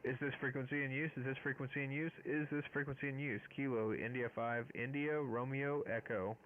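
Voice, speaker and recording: A man sends out a ham radio call, repeating his call sign letter by letter in a steady, measured way. His voice sits at an ordinary pitch for a man, squeezed into a thin, tinny radio band. Steady static hiss runs under every word. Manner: repetitive, measured phonetic call-sign delivery. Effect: ham radio call over the air. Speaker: amateur radio operator.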